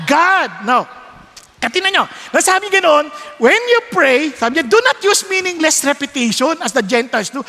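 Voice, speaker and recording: High, bright-voiced animated preacher. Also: male voice. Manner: animated storytelling, mixes Tagalog and English, acts out voices. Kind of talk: sermon. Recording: long hall reverb.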